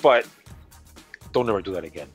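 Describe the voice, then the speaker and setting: A man's voice: low-pitched, expressive, a little fast, faint music behind. A man in his fifties co-hosting a gaming podcast, teasing and exasperated in banter and explaining the news. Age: 50s. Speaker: podcast co-host.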